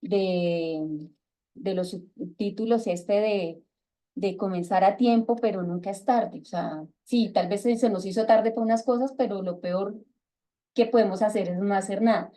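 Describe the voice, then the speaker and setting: A woman's voice: mid-range voice, unhurried. A middle-aged woman with a Colombian accent leading a book club on a video call, talking casually and acting out bits of dialogue with a raised voice. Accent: Colombian Spanish. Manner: lively, acts out quoted dialogue in raised voice. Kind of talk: casual talk to a reading group.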